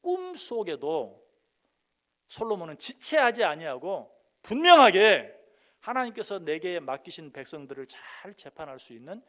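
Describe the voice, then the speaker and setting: A middle-aged male pastor preaching a sermon, with dramatic rises into loud cries as he acts out the scripture. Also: high-pitched, big pitch swings, normal speed.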